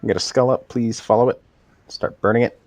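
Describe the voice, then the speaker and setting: A man's voice: medium pitch, steady tone, a little fast, darkish tone, dry recording. A man calling out raid moves in gaming voice chat, giving short commands and thinking aloud.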